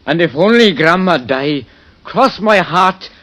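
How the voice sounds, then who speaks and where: A man's voice: a little high, expressive, a little slow, fairly bright tone. An actor playing a lovesick male publican, sighing and yearning. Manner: sighing, yearning, rising to cries.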